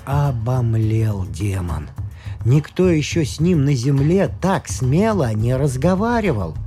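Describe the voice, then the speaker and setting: A man narrating a folk tale in a slow, expressive telling. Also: mid-range voice. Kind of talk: storybook narration. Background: faint music.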